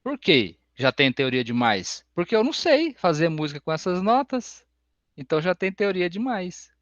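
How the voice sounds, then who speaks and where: A man giving an open music class, explaining slowly and breaking into sung solfège syllables. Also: sits high, big pitch swings, a bit bright, dry recording. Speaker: music teacher. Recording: dull, lo-fi sound.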